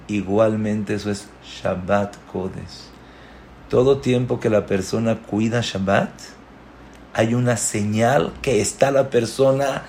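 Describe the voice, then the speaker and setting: A man's voice: on the low side, gravelly, a little hiss or hum. A man teaching a sermon, telling a story and repeating key words with rising emphasis. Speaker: rabbi teaching a Torah class.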